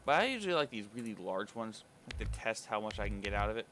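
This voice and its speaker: A man's voice: lowish voice, sing-song, fast talker, a bit bright, slight background noise. A man streaming a building game, rambling and correcting himself as he thinks aloud. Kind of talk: casual gameplay commentary.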